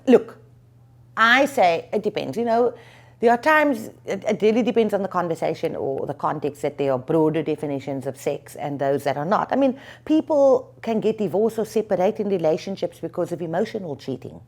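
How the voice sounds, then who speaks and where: A woman attorney explaining legal points in an interview, measured and thinking aloud with frequent fillers. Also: medium pitch, big pitch swings. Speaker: attorney and lecturer, interview guest.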